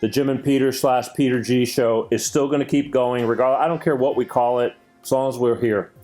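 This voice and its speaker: A man's voice: medium pitch, fairly even intonation, brisk, dark tone, soft background music. A man hosting his own chat show, talking earnestly and rambling with lots of fillers and restarts. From Greek heritage. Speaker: show host.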